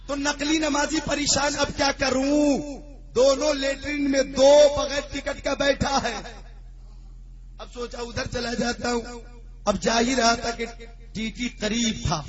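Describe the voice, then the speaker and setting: ایک مولانا جو مزاحیہ قصے سنا کر وعظ کرتے ہیں اور جوش میں آ کر بلند آواز سے پکارتے ہیں، سامعین سے جواب بھی منگواتے ہیں۔. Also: male voice, very high voice, level tone, muffled recording. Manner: storytelling, rising to fervent shouted climaxes; urges the audience to respond. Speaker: preacher. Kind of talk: sermon with humorous anecdotes.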